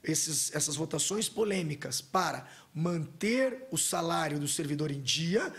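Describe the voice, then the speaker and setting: A male councilman in his thirties speaks in an office interview, justifying past decisions defensively. His voice is on the high side. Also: lively intonation, unhurried, gravelly, fairly bright tone. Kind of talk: interview statement. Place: indoor office.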